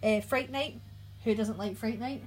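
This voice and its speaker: A woman's voice: on the high side, a little slow, slight background noise, rough recording. A woman co-hosting a casual podcast chat, chatty and often searching for her words. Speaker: podcast co-host. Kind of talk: casual chat about horror movies.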